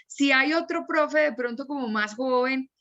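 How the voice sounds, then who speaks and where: A woman's voice: high voice, unhurried, a bit bright, dull audio. A woman teacher explaining at length and working through examples during an online class.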